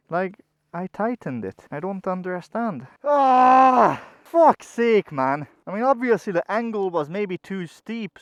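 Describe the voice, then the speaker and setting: A man's voice: high-pitched, no echo. A man vlogging casually from inside a motorcycle helmet, swearing often as he talks to viewers. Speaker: motovlogger. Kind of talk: casual motovlog talk to viewers. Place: outdoors on a motorbike and at the roadside.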